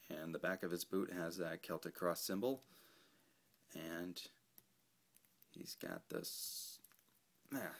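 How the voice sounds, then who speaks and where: A man's voice: low-pitched, creaky. A man casually reviewing an action figure, rambling and correcting himself as he goes. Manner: rambling, self-correcting, laid-back. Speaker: toy reviewer.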